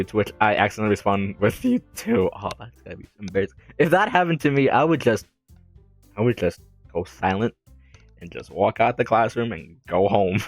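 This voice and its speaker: A man's voice: lowish voice, no echo. A young man reading a visual novel aloud into a desk mic, adding rambling, self-deprecating comments and frequent giggles. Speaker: let's play gamer.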